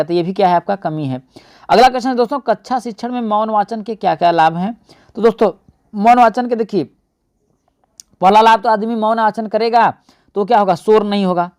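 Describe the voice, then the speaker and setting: A man's voice: sits high, darkish tone, smooth. A man teaching an exam-prep lesson, often asking and answering his own questions and calling his viewers friends.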